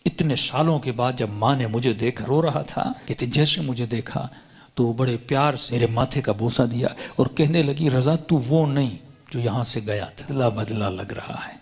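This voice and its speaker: A man's voice: mid-range voice, breathy edge. A male preacher telling a story in a sermon with passion, acting out the dialogue as he goes. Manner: impassioned, acting out quoted dialogue.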